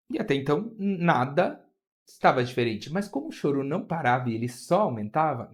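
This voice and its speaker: A Brazilian man tells a story from his job as a flight attendant during an interview, with a voice of middle pitch. His telling is animated, and he pushes his voice higher as the tension in the story grows. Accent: Brazilian Portuguese.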